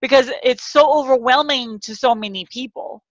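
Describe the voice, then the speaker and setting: A bubbly, enthusiastic woman hosts a talk show, her voice pitched high and quick to laugh. The sound is dry and close, with a slightly dull, lo-fi edge to the recording. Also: no room sound. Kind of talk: upbeat interview chat.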